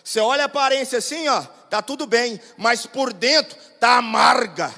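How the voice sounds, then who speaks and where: Fiery high-voiced pastor preaching. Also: male voice, moderate pace. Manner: fiery preaching that swings between shouted exhortation and quiet storytelling. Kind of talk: sermon. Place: large church hall. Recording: long church-hall reverb.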